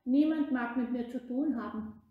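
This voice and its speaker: A woman voicing a grumpy, lonely man in a children's story, by turns shouting and hesitant. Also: high voice, normal speed, phone-quality sound, voice pushed up, lightly acted. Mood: plaintive. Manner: shouting, then hesitant and wondering. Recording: echoey room.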